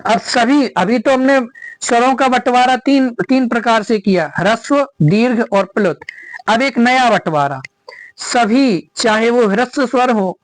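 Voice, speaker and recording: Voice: medium pitch, animated, a little slow, no room sound. A teacher giving a grammar lesson, repeating each definition and checking in with rhetorical questions.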